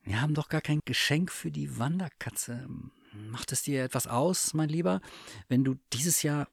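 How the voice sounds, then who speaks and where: A man voicing a fussy, caring middle-aged mother in a storybook reading, high and excitable. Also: moderate pace, creaky, slightly rough, dry recording, clean studio sound. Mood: tender.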